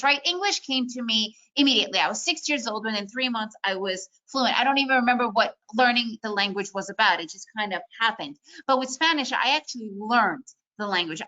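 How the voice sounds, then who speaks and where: Her voice is a little high, bright, and pushed, captured in lo-fi sound. She's a native Russian speaker from the Soviet Union who grew up in the United States, now a day trading educator running a casual, upbeat webinar full of "you know" and "right?".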